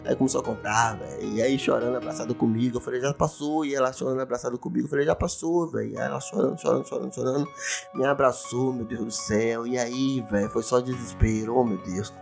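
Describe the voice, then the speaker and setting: A young man telling a comic story from his own life, animated and full of swearing and repetition. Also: mid-range voice, fast, creaky, music in the background. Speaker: podcast storyteller. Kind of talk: comic first-person storytelling.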